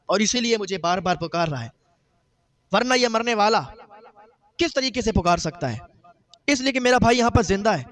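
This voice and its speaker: A man's voice: high voice, a bit bright. A man preaching a sermon, telling a story in dramatic emotional bursts and voicing its people as he goes. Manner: dramatic, quoting characters in rising emotional bursts.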